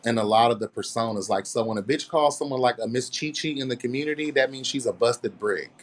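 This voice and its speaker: A man's voice: medium pitch, fast. Sassy guy in his late 30s chatting with friends, medium voice, drawls out his stories, lots of honey. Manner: sassy, drawling storyteller, calls others honey. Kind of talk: casual group chat.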